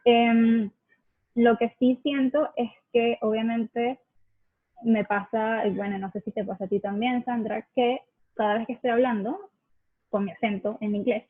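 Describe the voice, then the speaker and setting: Husky woman on a call. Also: on the high side, steady tone, measured pace, dry recording. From Venezuela. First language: Spanish. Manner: thoughtful, hesitant, searching for words. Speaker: guest sharing immigrant experience. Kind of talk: casual video chat. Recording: tinny dry call audio.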